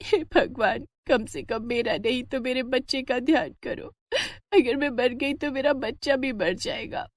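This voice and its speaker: A woman's voice: high voice, unhurried, no room sound. A woman voicing a frightened pregnant cow who cries out and begs, in a cartoon. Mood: tearful prayer. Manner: crying out, begging. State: crying. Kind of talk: cartoon voice acting.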